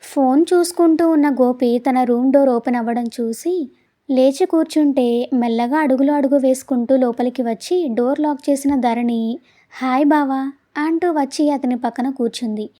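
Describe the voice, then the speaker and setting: Woman narrator, audio story, high pitch, soft mellow timbre, expressive reading. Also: normal speed.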